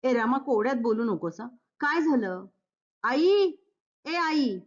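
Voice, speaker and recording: A woman's voice: a little high, expressive, normal speed, muffled recording. A woman voicing an impatient, demanding young husband in a Marathi play reading. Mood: exasperated. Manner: demanding, exasperated.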